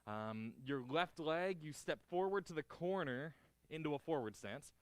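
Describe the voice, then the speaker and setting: A man's voice: on the high side, expressive, normal speed, clean tone, no room sound. A man instructing a martial arts class, giving short clipped counts and cues along with encouraging feedback as he demonstrates moves.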